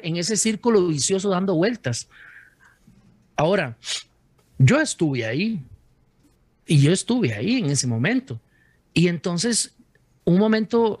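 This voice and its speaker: A man's voice: fairly high pitch, no echo. A man, an author telling his faith story as an interview guest, earnest, with many restarts.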